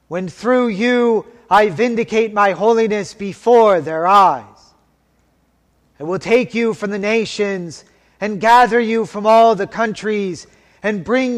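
Prayers and scripture are intoned by a male officiant leading a liturgy, solemn and measured in pace. His voice sits high with a fairly bright tone, echoing under a long cathedral reverb.

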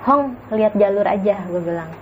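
A woman casually recounting a frightening night hike as a guest, in a hushed, suspenseful way, acting out what people said. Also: medium pitch, animated, normal speed, dull audio, a little hiss or hum. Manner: hushed, suspenseful retelling with acted quotes. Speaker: guest storyteller. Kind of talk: casual story of a spooky hike.

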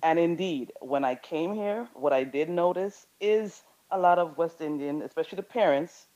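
A man from Guyana and Brazil speaking in a casual discussion, halting, with many fillers and restarts. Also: fairly high pitch, a little mellow. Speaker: participant in an audio chat room. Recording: dull lo-fi audio.

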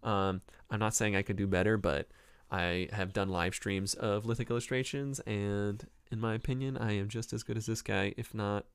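A man's voice: fairly low pitch, fairly even intonation, normal speed, clean tone, no echo. A man hosting a casual book review podcast as an anthropology professor, chatty and digressive with frequent ums and uhs, recorded live from his home library.

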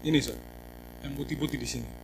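A man preaching a sermon in a lively, joking way, often calling out to his listeners. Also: mid-range voice, very fast, background noise. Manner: animated, jokey, addresses listeners as 'saudara'.

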